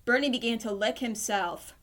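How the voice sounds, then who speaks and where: A woman reading a children's storybook aloud in a slow, clear storytelling manner. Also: fairly high pitch, fairly bright tone. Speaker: storybook reader.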